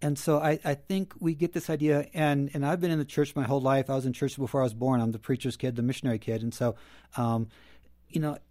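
A man's voice: mid-range voice, fairly even intonation, fast, warm tone, dry recording, studio quality. A man who is a guest counselor on a roundtable, telling stories with a lightly sarcastic edge. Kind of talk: casual roundtable talk.

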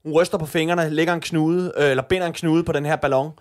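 A man co-hosting, spinning an improvised scene with sound effects and lively asides. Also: a little high. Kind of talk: improvised storytelling chat.

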